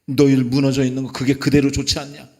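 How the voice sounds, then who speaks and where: A pastor putting on sneering, threatening enemies. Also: male voice, mid-range voice, level tone, fast, darkish tone, lightly acted. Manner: mocking, threatening.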